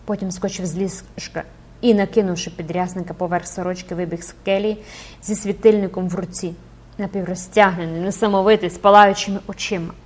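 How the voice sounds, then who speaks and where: A woman's voice: mid-range voice, fairly even intonation, a little fast. A woman narrating an audiobook dramatically and expressively, rising with the action.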